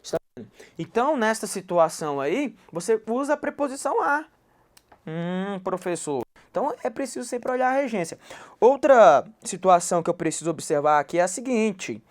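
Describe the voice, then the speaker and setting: Lively Goiás-accented male grammar teacher. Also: high voice, normal speed. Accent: Goiás Brazilian Portuguese. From Goiás, Brazil. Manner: animated storyteller, acts out quoted people. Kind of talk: anecdotal grammar lecture.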